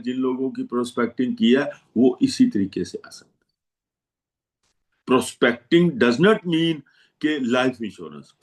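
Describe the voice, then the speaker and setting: A man speaking as a guest to financial advisors, giving a motivational talk in which he repeats his slogans to rally them. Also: medium pitch. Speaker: guest speaker on insurance and investment.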